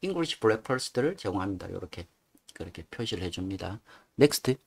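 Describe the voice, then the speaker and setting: Gravelly-voiced man teaching vocabulary. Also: fairly low pitch, very animated, normal speed. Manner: chatty, explains with filler words. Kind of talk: casual explanatory lecture.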